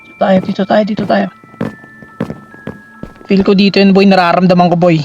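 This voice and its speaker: A woman's voice: mid-range voice, level tone, brisk, darkish tone. A young Filipino woman playing a horror game as a let's play, swearing a lot, yelping at scares and mixing Tagalog with English. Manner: jumpy, swears a lot, yelps and shrieks at scares; mixes Tagalog with English, calls viewers "boy". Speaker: gaming YouTuber. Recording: slightly dull lo-fi sound, faint game music.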